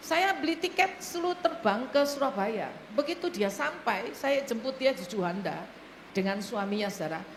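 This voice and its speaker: A woman pastor preaching a sermon, telling stories in an animated way and often laughing as she addresses the congregation. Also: on the high side, normal speed, vocal fry. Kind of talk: sermon with storytelling. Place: church hall. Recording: echoey church hall, faint noise.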